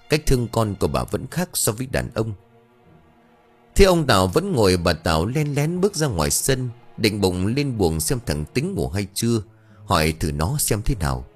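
A man narrating a scripted ghost story in a dramatic, expressive storytelling manner. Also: fairly low pitch, slightly rough.

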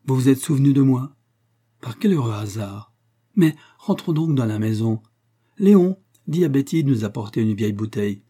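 A man reading the part of a warm young male inventor, exclamatory and friendly. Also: mid-range voice, animated, normal speed, slightly rough.

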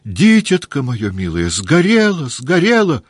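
A man's voice: fairly high pitch, huge pitch swings, a little slow, breathy edge, dry recording, pitched above the performer's own voice, full character voice. A man reading the part of a distraught woman who sobs and wails as she pleads for help after losing her daughter in a fire. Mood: pleading. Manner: sobbing, wailing, pleading. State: crying.

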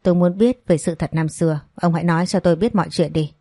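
A woman's voice: lowish voice, fast, warm tone, dry recording, clean studio sound. A woman voicing a resentful middle-aged woman who accuses a man of old betrayals, in a storybook reading. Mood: bitter.

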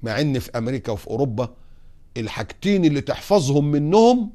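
A man with an Egyptian accent preaching on morals, putting lively rhetorical questions to his audience and telling humorous anecdotes. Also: mid-range voice, fast talker. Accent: Egyptian Arabic. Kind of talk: religious talk on morals.

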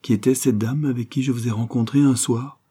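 A man's voice: medium pitch, fairly even intonation, a little fast, breathy edge, voice pushed up, lightly acted. A man voicing a devoted, lonely young working-class woman in a storybook reading. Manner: impatient, then soft and wistful.

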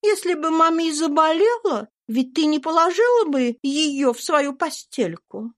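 A woman voicing a prim, peevish society mother who scolds in a slow, drawn-out way, in a storybook reading. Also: high voice, expressive, pitched above the performer's own voice. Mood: lecturing.

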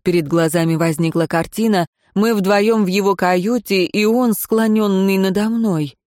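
A woman reading a first-person fantasy story in a calm, measured narration. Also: medium pitch, no echo, studio quality. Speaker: audiobook narrator.

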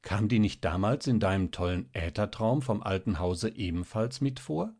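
A man's voice: fairly low pitch, normal speed, darkish tone. A man voicing a cheerful, chatty young married woman in a read-aloud story, with a lightly raised voice.

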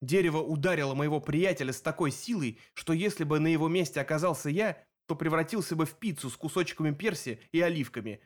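A man narrates a first-person adventure audiobook with steady, vivid storytelling. His voice sits slightly above the usual male range. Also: a little high, fast, hardly any pauses.

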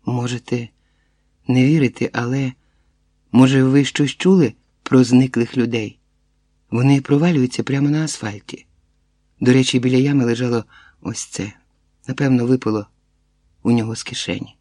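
A man reading the lines of a male stranger at the door who speaks with put-on calm, placating and evasive. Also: mid-range voice, moderate pace, pauses often, no room sound, lightly acted. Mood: falsely calm.

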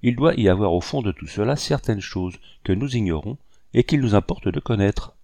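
A man's voice: fairly low pitch, expressive, moderate pace, creaky, dry recording, studio quality. Give me a man playing a genial, teasing older planter. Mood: serious. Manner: genial, gently mocking. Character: older planter, good-natured and mocking.

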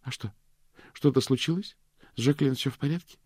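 A man's voice: a little fast, darkish tone, breathy edge, no room sound, clean studio sound, natural voice. Man doing a flustered chatty woman on the phone. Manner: high, talkative, flustered, drops to whispers.

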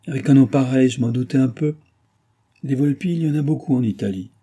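A man's voice: mid-range voice, a little fast, dark tone, breathy edge, pitched above the performer's own voice, natural voice. A man reading an audiobook voices a poised, proud middle-aged woman. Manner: composed, proud.

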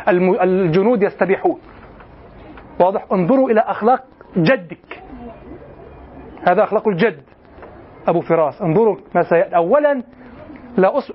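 A man's voice: high-pitched, breathy edge, dull audio. A male teacher giving a classroom lecture on classical poetry, explaining step by step and often checking that students follow. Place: lecture room at an institute.

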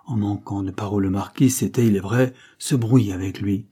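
A man narrating a classic novel as an audiobook, with a measured, literary storytelling delivery. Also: on the low side, steady tone, warm tone, husky. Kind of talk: scripted narration.

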